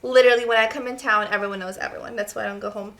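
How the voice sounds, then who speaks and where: A young Serbian model with no accent chats casually as an interview guest, speaking very fast in a mid-range, fairly bright voice with fairly even intonation. She's chatty and loads her talk with fillers, especially "like."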